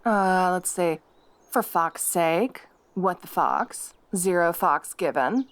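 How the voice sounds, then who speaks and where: A jealous fox girl, played by a woman in an audio role-play, with a lively, swooping voice. She taunts her rival and makes threats with gleeful, possessive menace. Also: lowish voice, slow pace. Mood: scornful, jealous.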